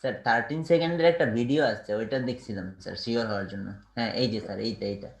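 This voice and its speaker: A man, a student in an online class, who argues his point fast and keeps saying sir. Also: mid-range voice, expressive, vocal fry. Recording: echoey room.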